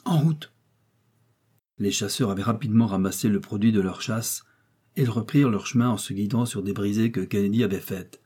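A man reading a classic adventure novel aloud as audiobook narrator, in an even, steady storytelling way. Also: lowish voice, fast, slightly rough. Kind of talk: scripted narration.

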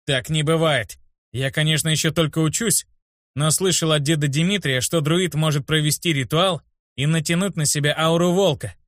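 A man's voice: on the high side, steady tone, normal speed, a bit bright, dry recording, clean studio sound, pitched above the performer's own voice, lightly acted. A man voicing an earnest, insistent teenage boy, an apprentice druid.

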